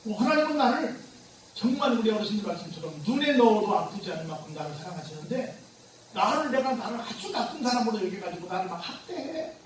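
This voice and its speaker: A man's voice: high-pitched, sing-song, fast talker, far from the mic, a little hiss or hum. A male pastor preaching a sermon in a conversational way, firing rhetorical questions at the congregation. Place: church sanctuary. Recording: very echoey church room from afar.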